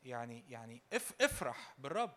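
A man's voice: medium pitch, big pitch swings, a little fast, fairly bright tone. A young man preaching a sermon with an Egyptian Arabic accent, fervent and repetitive, raising his voice in exhortation and slipping in joking asides.

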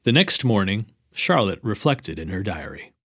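A man's voice: fairly low pitch, very animated, moderate pace, a bit bright, slightly rough, dry recording, studio quality. A man giving wry, mock-romantic narration in a comedy audio drama.

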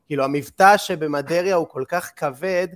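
Animated man telling stories on a podcast. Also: fairly high pitch. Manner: animated storyteller, many "uh" fillers. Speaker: podcast co-host. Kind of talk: casual storytelling chat.

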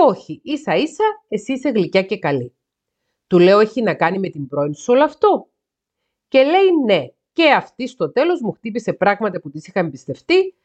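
Lively woman podcast host. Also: medium pitch, muffled recording. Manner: sarcastic asides between read passages. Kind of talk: reading a listener's letter aloud with commentary.

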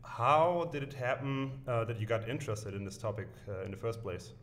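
A man's voice: medium pitch, steady tone, brisk, fairly bright tone, slight background noise. Easygoing male podcast host. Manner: easygoing, asks questions with frequent hesitations. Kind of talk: casual interview hosting.

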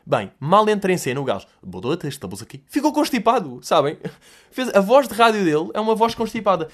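A young man with a European Portuguese accent riffs through a comic podcast monologue. His voice sits a little high and swings widely in pitch as he jumps into impressions. He swears casually and keeps the tone loose. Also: fairly quick. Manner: animated storyteller, swears freely, mimics voices and music. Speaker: podcast host answering listener questions.

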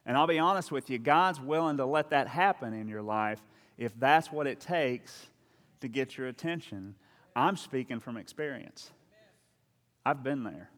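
A man's voice: medium pitch, normal speed, a bit bright, big-room sound. A man preaching a sermon as a pastor, talking in a conversational, storytelling way with frequent asides and restarts.

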